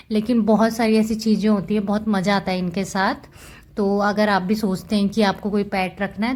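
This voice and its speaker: A woman's voice: mid-range voice, darkish tone. A woman giving a casual, chatty voice-over about her pet cats, fond and explaining as she goes. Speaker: cat vlogger.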